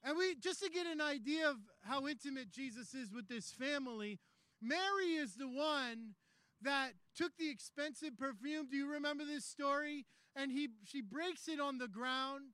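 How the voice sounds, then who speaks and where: High-pitched, bright-voiced preacher man. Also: normal speed, no echo. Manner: preaching with rising, shouted climaxes; conversational storytelling between climaxes. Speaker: pastor. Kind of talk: sermon.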